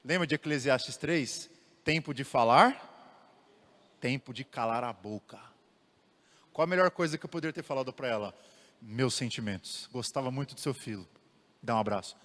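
A young Brazilian man teaching the Bible in a lively way, asking his listeners rhetorical questions. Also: fairly high pitch. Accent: Brazilian Portuguese. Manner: animated, asks the audience rhetorical questions. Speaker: theology teacher. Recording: long reverb of a large room.

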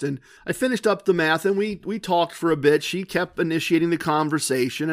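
A man's voice: a little high, a bit bright. Give me an earnest male podcast host. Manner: earnest, conversational, given to restarts. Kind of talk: casual storytelling monologue.

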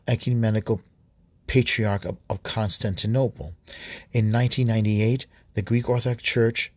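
A priest and podcast host reading an article aloud with asides, often stumbling on words and correcting himself. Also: male voice, on the low side, breathy edge, no echo.

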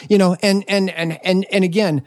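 A man in his forties on a podcast, telling a family story in a casual, animated way and acting out what others said. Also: sits high, normal speed, dry recording, clean studio sound. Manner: animated, acts out family quotes. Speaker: podcast guest.

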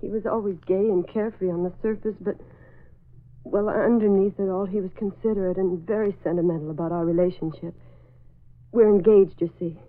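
A woman's voice: medium pitch, steady tone, a little fast, lightly acted. An actress playing an anxious young woman awaiting her soldier fiancé, in a 1940s radio drama. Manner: anxious and emotional. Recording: tinny old radio broadcast.

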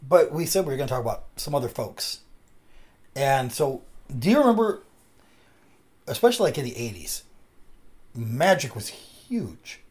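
A podcast host chats casually, rambling and animated, his speech heavy with filler words. He has a medium-pitched voice, talks at a normal speed and pauses often.

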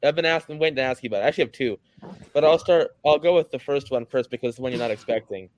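A man's voice: mid-range voice, very fast, a little mellow, poor audio. A man in casual group chat, eager and stumbling over his words. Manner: eager, stumbling, repeats himself.

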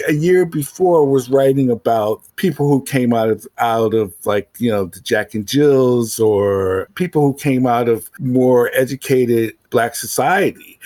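A man's voice: medium pitch, a little mellow, dry recording. A man talking as a guest writer in a casual interview, rambling and filling his speech with "you know" and "I mean".

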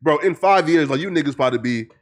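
A high-voiced young man in his twenties, gushing in a loose casual chat. His pitch leaps up and down all over the place, and he talks in a slangy, excitable way with lots of swearing. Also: quick pace. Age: 20s.

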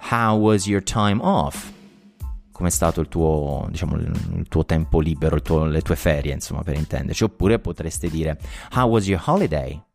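A man in his thirties with an Italian accent, teaching English phrases in a casual lesson, explaining in a relaxed way and saying the example phrases brightly. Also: very deep voice, normal speed, creaky, soft background music.

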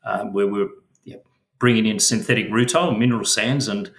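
A middle-aged Australian man, a mining company chief, answers interview questions with an Australian accent. His voice is on the low side and brisk, in an echoey room, and he's hesitant, full of fillers and restarts.

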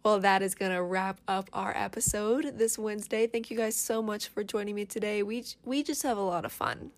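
A woman's voice: mid-range voice, fairly even intonation, a little fast. A young woman hosting a podcast in casual chat, giggly and chatty, saying "like" often. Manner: giggly, chatty, says "like" a lot. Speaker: podcast host.

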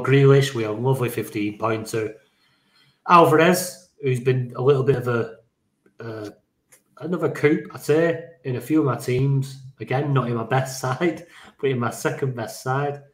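A man with a mid-range voice and moderate pace co-hosts a fantasy football podcast, chatting casually and joking around. He swears, laughs easily, and the recording has a roomy echo.

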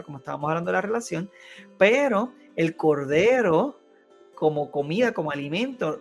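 Man, high pitch, conversational Bible teaching, tag questions, hesitant, faint music behind. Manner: keeps adding tag questions, frequent hesitations.

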